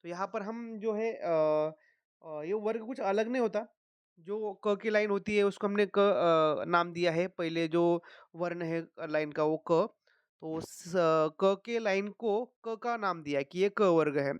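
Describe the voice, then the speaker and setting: A teacher giving a patient spoken lesson, saying each sound slowly and often checking in with the listener. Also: medium pitch, smooth, no echo. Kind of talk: explanatory lesson.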